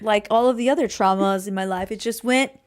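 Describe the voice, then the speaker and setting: A young adult woman co-hosting a podcast, telling a story in casual chat with lively delivery and sudden loud exclamations. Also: medium pitch, fairly quick. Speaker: podcast co-host.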